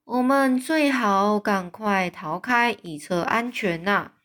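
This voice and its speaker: A big, friendly male giant speaks in a slow, hushed and careful way, gentle and patient, as a woman reading a storybook aloud puts him on. His words come drawn out and unhurried. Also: mid-range voice. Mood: hushed calm.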